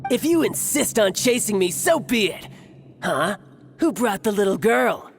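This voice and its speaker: A gravelly, taunting thief. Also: male voice, high voice, sing-song, a little slow, faint music behind, full character voice. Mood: mocking. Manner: taunting and condescending. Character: mocking male thief fleeing the knights.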